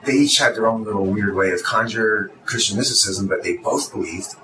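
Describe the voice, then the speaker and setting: A man's voice: on the low side, distant mic, background noise. A man with a Glasgow Scottish accent, a guest author talking in a rambling, casual conversation. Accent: Glaswegian Scottish. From Scotland. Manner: fast, rambling, repeats his words.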